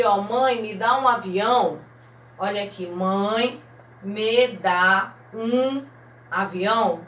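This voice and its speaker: A Brazilian woman teacher explaining a lesson to young children, slow and patient, step by step. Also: a little high, a bit bright, roomy sound. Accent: Brazilian Portuguese. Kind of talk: recorded remote lesson for children.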